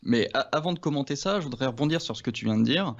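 A man's voice: medium pitch, expressive, fast talker, dull audio. A man explaining poker terms in a casual lesson, hesitant and full of restarts. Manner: hesitant, many restarts and fillers. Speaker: poker coach.

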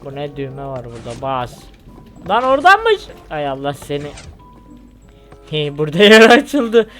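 A young Turkish man with a fairly high voice chats and jokes at a normal pace while playing a parkour game for his gaming YouTube channel, yelping whenever he falls. Faint music plays in the background of his casual commentary.

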